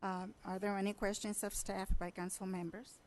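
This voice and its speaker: A woman mayor chairing a council meeting, hoarse and losing her voice, halting with fillers and throat clearing. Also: mid-range voice, little pitch movement, a little mellow, low-quality recording.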